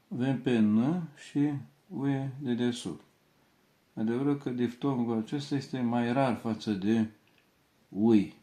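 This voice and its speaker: A man teaching a shorthand lesson, spelling out and repeating each syllable several times in a slow, dictating way. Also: medium pitch, warm tone, reverberant.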